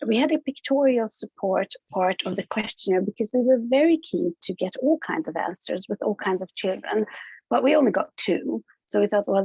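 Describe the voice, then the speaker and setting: A middle-aged woman from Hungary, a professor giving an online conference talk in a relaxed, searching way with fillers and restarts. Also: mid-range voice, gravelly, husky, no echo. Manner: informal, thinking aloud with fillers and restarts. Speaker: professor presenting research. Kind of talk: conference presentation. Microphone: online talk over a computer mic. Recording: dull, dry lo-fi audio.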